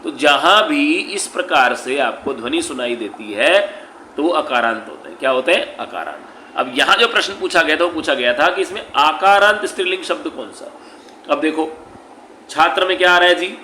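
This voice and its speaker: A man with a fairly high, bright, pushed voice teaches Sanskrit at a moderate, animated pace, walking students through an exam paper. He patiently repeats each point, poses and answers his own questions, and calls his students "beta". The classroom-style session is recorded in an echoey room with faint background noise.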